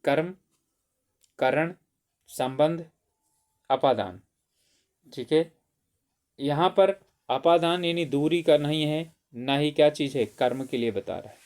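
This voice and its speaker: During an exam-focused grammar class, a male teacher repeatedly raises questions and supplies the answers, with "theek hai" coming up often. His voice is a little high and darkish, and he takes his time, pausing often.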